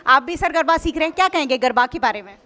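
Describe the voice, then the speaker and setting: A woman's voice: sits high, animated, quick pace, bright, forceful tone. A woman reporting a local news feature, chatting enthusiastically and asking questions.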